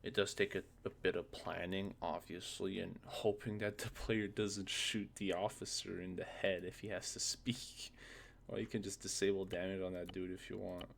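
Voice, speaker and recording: In a gravelly, low, flat voice at a moderate pace, a man presents an informal screen-recorded tutorial on modding a game. He thinks out loud with some hesitant repetition, over faint noise and keyboard clicks.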